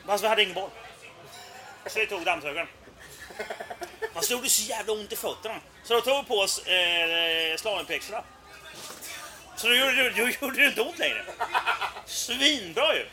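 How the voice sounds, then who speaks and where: A man's voice: high-pitched, animated, pauses often, pushed and bright, soft background music. A man in his thirties telling a rambling, profane, self-mocking anecdote in casual chat. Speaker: podcast storyteller.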